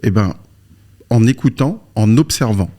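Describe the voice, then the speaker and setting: He's a French coach, Moroccan-born and brought to France at three or four, talking as an interview guest. His voice is lowish and warm with lively intonation, a little slow, and he explains informally using anecdotes and rhetorical questions.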